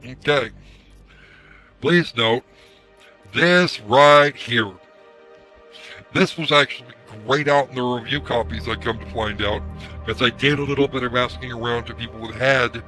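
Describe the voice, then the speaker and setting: A man's voice run through a voice changer that makes it sound bright and sharp, over faint music in the background. Underneath he is hoarse from screaming. He rants irritably to his stream on a headset, swearing and circling back over his own words. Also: medium pitch. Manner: irritated, swears, repeats himself. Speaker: live streamer. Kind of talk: ranting livestream commentary.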